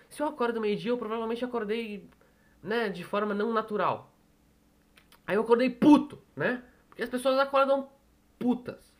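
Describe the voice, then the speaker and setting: A young Brazilian man with a slightly high voice tells a story into a desk microphone in his room at home. He rambles, swears freely and keeps correcting himself mid-sentence, in a loose, unscripted way. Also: fairly bright tone. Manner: rambling, profane, self-correcting. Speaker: storyteller vlogger. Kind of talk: casual storytelling monologue. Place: room at home on a noisy street. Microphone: desktop microphone.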